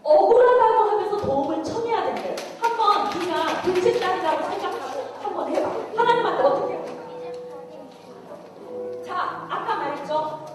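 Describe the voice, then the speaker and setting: High, lively woman preacher, echoey hall, mic far away. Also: normal speed. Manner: animated, questioning the audience. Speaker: missionary preacher. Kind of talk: storytelling sermon. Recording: echoey hall, distant mic, faint music.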